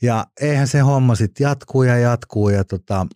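A man's voice: medium pitch, warm tone, no echo, clean studio sound. A middle-aged man, a former criminal, telling his stories as an interview guest in blunt, colloquial speech with free swearing. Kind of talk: casual interview storytelling.

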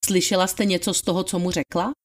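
A woman's voice: lowish voice, flat delivery, voice pushed down, close to an everyday voice. A woman reading the part of a methodical male attorney questioning a witness, in a formal, probing manner. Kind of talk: dramatized trial testimony reading.

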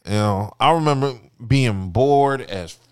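Animated profane man on a podcast. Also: medium pitch, measured pace. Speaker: podcast co-host. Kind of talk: casual chat.

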